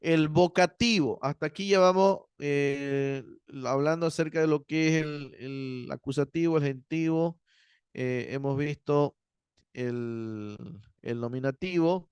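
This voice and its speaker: A man teaching a Greek grammar class, explaining patiently and checking in with his students, slowing down to spell out word endings. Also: a little high, darkish tone, clear, resonant tone, no echo, clean studio sound. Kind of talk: university Greek grammar lecture.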